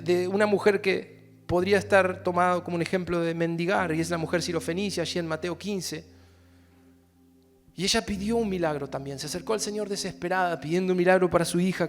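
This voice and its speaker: High-voiced impassioned Argentine preacher man. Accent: Argentine Spanish. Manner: impassioned preaching, swings between shouting and hushed tones. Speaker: pastor. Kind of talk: sermon. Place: church service.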